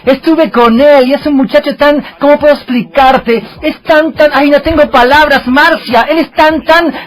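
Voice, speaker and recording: A man voicing a lovestruck male soap-opera character, gushing in a high, drawn-out, sing-song way, as in a dubbed TV drama. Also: steady tone. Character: swooning male soap-opera lover, dubbed, breathy and sentimental.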